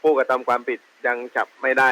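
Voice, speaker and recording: A man's voice: mid-range voice, flat delivery, fast talker, pushed and bright, a little hiss or hum. A man giving a formal incident report to his station over a police two-way radio. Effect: police two-way radio transmission.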